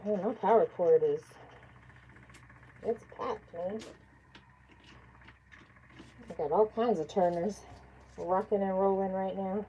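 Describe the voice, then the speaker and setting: A woman's voice: medium pitch, fairly even intonation, a little slow, long pauses, mellow, muffled recording, slight background noise. Chatty congested woman crafting live. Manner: chatty, thinks aloud, answers viewer comments by name. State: congested from allergies. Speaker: tumbler crafter streaming live. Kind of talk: casual live-stream chat while crafting. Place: home craft workspace.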